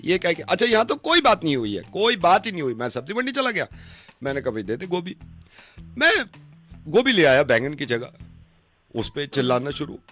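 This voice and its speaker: A male radio host playing Rajesh, a touchy, aggrieved husband who calls to complain and then shouts back, over a music bed. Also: fairly high pitch, very animated, fairly quick, heavily acted. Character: aggrieved husband caller, touchy, quick to take offence. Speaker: radio prank caller. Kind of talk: radio prank call.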